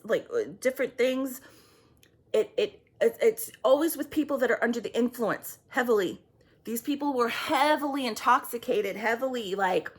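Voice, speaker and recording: A woman giving a casual psychic reading, halting and repetitive with many fillers and restarts, sometimes sinking to a near-whisper. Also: a little high. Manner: swearing, acts out heated quotes. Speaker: psychic reader.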